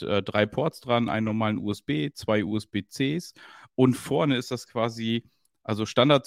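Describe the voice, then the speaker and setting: Relaxed man with a low voice. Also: no echo, studio quality. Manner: relaxed, knowledgeable, slangy. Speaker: podcast co-host. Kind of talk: casual chat.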